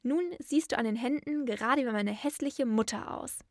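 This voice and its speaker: A woman's voice: on the high side, moderate pace, no echo, studio quality, lightly acted. A woman voicing a wild little robber girl, blunt, bossy and threatening, in a storybook reading. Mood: brusque.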